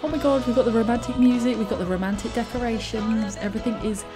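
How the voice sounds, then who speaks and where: A woman commenting on a game she is playing, gushing and giggly with excitement. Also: a little high, fast, music in the background. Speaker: gaming YouTuber. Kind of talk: let's play commentary.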